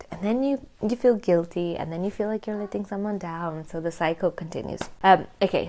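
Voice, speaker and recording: A woman, chatting candidly to camera as a vlogger and laughing often. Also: fairly low pitch. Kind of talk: casual chat to camera.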